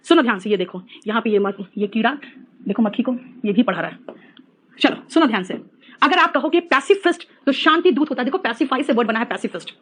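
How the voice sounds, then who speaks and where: A woman's voice: a little high, animated, brisk, a bit bright. A middle-aged woman teaching an English class online, teasing her students and mixing English phrases into her talk.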